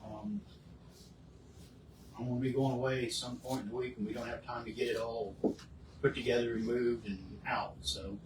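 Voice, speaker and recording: A man's voice: medium pitch, normal speed, pauses often. Plain-spoken man, roomy and distant. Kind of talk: casual chat. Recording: distant roomy noisy kitchen recording.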